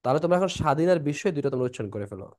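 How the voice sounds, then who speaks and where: Male tutor, pitched a bit high, drills rules over and over in a prep class. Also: expressive, racing, darkish tone. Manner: repeats rules, checks if students are clear. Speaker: teacher. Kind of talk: online admission-prep lesson.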